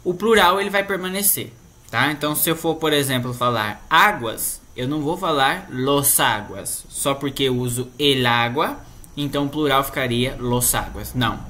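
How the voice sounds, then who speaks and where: Speaking at a moderate pace, this man teaches Spanish with a Brazilian Portuguese accent, patiently explaining grammar and often checking in with his listener. His voice is medium in pitch, bright and pushed, and he keeps tagging his sentences with "né?".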